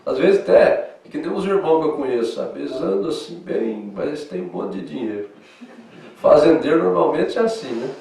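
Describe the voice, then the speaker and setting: Male southern Brazilian pastor, fairly high voice, animated teaching, echoey church hall, far mic. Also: fairly quick, vocal fry, a little hiss or hum. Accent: southern Brazilian Portuguese. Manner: animated, swings from loud emphasis to soft asides; acts out quoted dialogue in lively voices. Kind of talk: Sunday school sermon.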